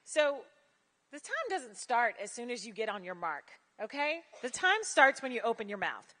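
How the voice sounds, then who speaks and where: A woman giving direct, animated coaching feedback on a pitch rehearsal, using casual slang. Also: moderate pace, in a large hall.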